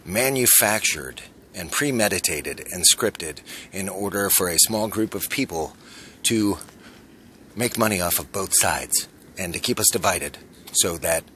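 A man's voice: fairly low pitch, bright, forceful tone, a little hiss or hum. Man urging viewers on a night street. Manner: earnest, urgent warnings with rhetorical questions. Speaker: vlogger. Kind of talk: selfie street vlog monologue. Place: city street at night, outdoors. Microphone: phone at arm's length.

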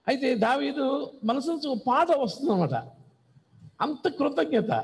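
A male pastor with a high, gravelly, husky voice preaches in a church hall. He tells scripture as a lively story and slips English words into his talk. The sound carries a long echo from the hall. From South India. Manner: animated, dramatizes scripture scenes, mixes English words. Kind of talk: storytelling sermon.

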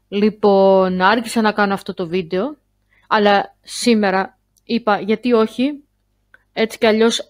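A woman talking casually to her viewers in a vlog, chatty and halting, full of fillers and restarts. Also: mid-range voice, no room sound. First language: Greek. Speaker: YouTuber. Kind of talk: casual screen-share vlog.

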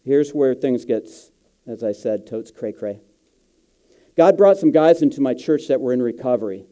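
A man's voice: medium pitch, dark tone. A male guest pastor giving a sermon, telling personal stories in a casual, slangy way.

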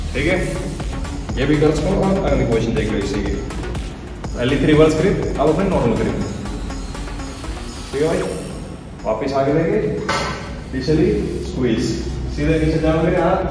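Man, gym trainer, short repeated cues, far from mic, echoing hall. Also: a little high. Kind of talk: workout instruction. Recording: echoey hall, voice far from mic, loud music.

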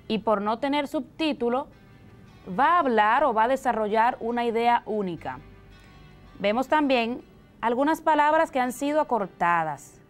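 A woman teacher with a Dominican accent, explaining a language lesson for television slowly and deliberately, step by step. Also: fairly high pitch.

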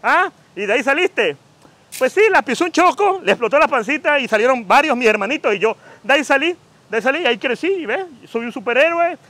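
Man putting on a squeaky, sharp-toned comic superhero: crude, mocking, fan Q&A vlog. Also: full character voice. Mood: loud, rowdy. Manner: crude, mocking, full of insults and slang. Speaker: host of a question-and-answer vlog. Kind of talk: comedic vlog answering fan questions. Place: outdoors at a hotel by a river.

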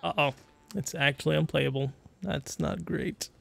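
High-voiced young man calling fights. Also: vocal fry, no room sound. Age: 20s. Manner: laughs often, quick excited play calls. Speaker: fighting game commentator. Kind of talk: casual esports commentary.

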